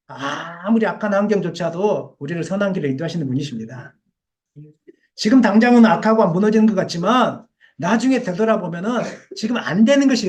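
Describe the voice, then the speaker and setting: A male pastor delivers a Sunday sermon in a church sanctuary, speaking emphatically and peppering the congregation with rhetorical questions. His voice sits high with a darkish tone.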